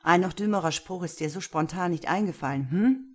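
A woman's voice: deep voice, slow, a little mellow. A woman doing a flustered, snappy young man. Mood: angry. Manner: defensive, snapping, stammering. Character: tense flustered young man, quick-tempered.

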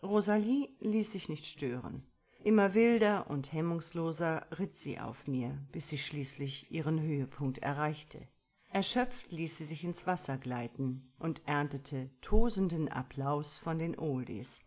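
Woman with a pretty low voice narrating an audiobook, steady and expressive. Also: unhurried. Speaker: audiobook reader. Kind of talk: scripted first-person story narration.

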